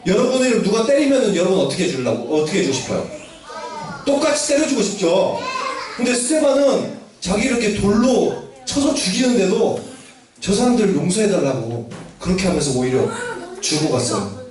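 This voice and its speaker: A man's voice: high voice, sing-song, brisk, a little mellow, far from the mic. A man telling a Bible story to children as their Sunday school teacher, asking them questions and acting out the characters' lines. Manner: asks children questions, acts out quotes. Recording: very echoey room, voice from afar.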